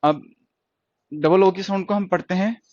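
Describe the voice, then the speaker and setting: A man's voice: high voice, unhurried, a little mellow, no room sound. Man teaching, drawing out vowel sounds. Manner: stretches out drawn vowel sounds for students to repeat; keeps checking in with "ठीक है?". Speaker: stenography teacher. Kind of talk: classroom lecture on vowel sounds. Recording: dry, dull lo-fi recording.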